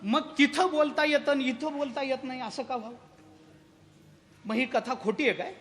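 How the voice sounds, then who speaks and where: A man's voice: very high voice, fairly even intonation, normal speed, fairly bright tone. Male kirtan preacher posing rhetorical questions. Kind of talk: devotional sermon with storytelling.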